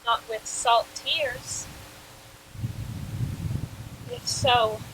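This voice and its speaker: A woman's voice: fairly high pitch, extremely slow, background noise. A teenage girl acting a hurt, spurned young woman in Shakespearean verse, earnest and reproachful. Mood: wistful. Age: teens. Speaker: stage actor.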